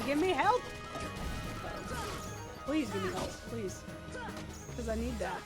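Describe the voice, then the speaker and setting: A woman giving casual let's-play commentary as she plays, chatty and excitable. Her high voice bounces lively up and down, with game music clearly playing behind her. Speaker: gamer playing through a game.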